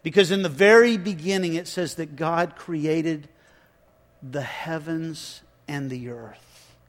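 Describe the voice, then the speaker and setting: A man preaching a sermon in a slow, emphatic way, dropping his voice low for effect, with chatty asides and restarts. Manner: slow, emphatic delivery with dramatic drops in volume; conversational asides and repeated restarts. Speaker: pastor.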